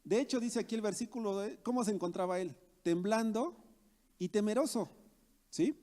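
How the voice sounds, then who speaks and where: A man's voice: sits high, moderate pace, dark tone. A man preaching a sermon to his congregation, calling them brothers and acting out boastful believers. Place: church hall. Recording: long hall reverb.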